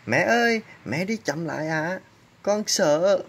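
Woman voicing a timid, excitable kangaroo joey for toddlers. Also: on the low side, slow, creaky, breathy edge, heavily acted. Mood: scared. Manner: exclaiming, reading a storybook to a toddler.

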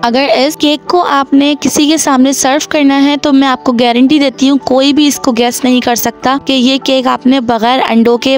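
A woman hosting a cooking channel, giving steady step-by-step instructions in a recipe voice-over. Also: high voice. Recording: faint background music.

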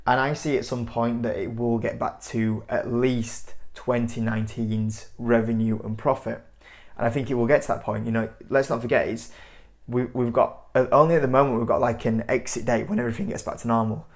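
A man's voice: mid-range voice, little pitch movement, fairly quick. A young man in his twenties hosting an investing channel, talking casually to camera in front of a whiteboard indoors, rambling with lots of "you know" and gesturing as he speaks. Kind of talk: casual stock commentary to camera.

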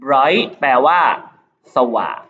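A male teacher going over exam questions, reading English sentences slowly and explaining them. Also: on the high side, very animated, a bit bright. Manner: reads English items slowly, explains in quick Thai. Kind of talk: exam prep lesson. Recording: dull lo-fi recording.

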